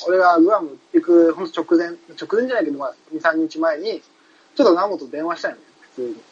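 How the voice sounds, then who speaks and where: Rambling fast-talking man, lo-fi sound. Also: on the high side, slightly rough. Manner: rambling, many fillers and restarts. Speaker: podcast host recounting a trip. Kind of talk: casual chat. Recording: dull lo-fi sound.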